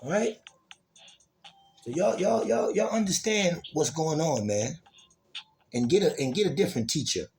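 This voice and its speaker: A man's voice: fairly high pitch, expressive, moderate pace, vocal fry, pauses often, darkish tone, faint music behind. Profane, emphatic man lecturing. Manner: profane, emphatic, repeats words, addresses listeners as y'all. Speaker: self-styled teacher of an online program. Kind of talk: informal streetwise lecture.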